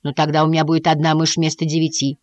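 A woman's voice: deep voice, completely flat delivery, quick pace, a little mellow, no echo, lightly acted. A woman voicing a weary, irritable mother mouse in a storybook reading, tart and exasperated.

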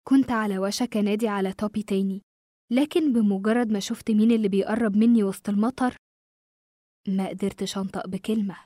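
A woman with an Egyptian Arabic accent narrating a horror story in a steady, suspenseful tone. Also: mid-range voice, no echo, clean studio sound.

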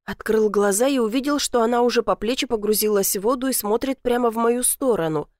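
A woman reading a first-person audiobook in a lively, expressive storytelling manner on a close mic. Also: fairly high pitch, fairly quick, no echo. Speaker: audiobook reader.

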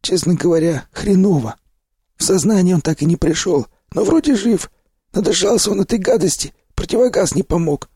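A man reading an audiobook, voicing a hoarse, gruff male stalker who leads the group. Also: high voice, moderate pace, dark tone, dry recording, studio quality, voice pushed up, heavily acted. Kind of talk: audiobook character voice.

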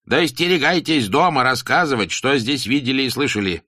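A stern, pompous schoolmaster from an old storybook, as a male narrator puts him on, pitched well above a plain voice and declaiming loudly. He lectures in slow, swinging rhymes with a bright, cutting tone. The sound is close and dry. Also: animated, no room sound. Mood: instructing. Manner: rhyming sing-song preaching, slow and emphatic.

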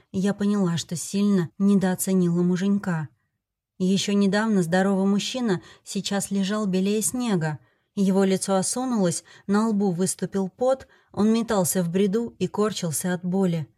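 A woman narrating a first-person fantasy audiobook in an expressive, emotional way. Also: mid-range voice, normal speed.

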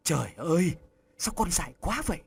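A man's voice: fairly high pitch, big pitch swings, a little fast, gravelly, slight background noise, voice pushed up. A man doing an anxious older mother. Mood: alarmed. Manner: anxious, exclaiming. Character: worried older countrywoman, a mother. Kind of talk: audiobook character voice.

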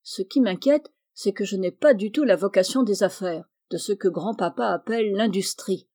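A woman voicing a restless, impatient teenage boy who talks with excitement, from a storybook. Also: medium pitch, normal speed, natural voice.

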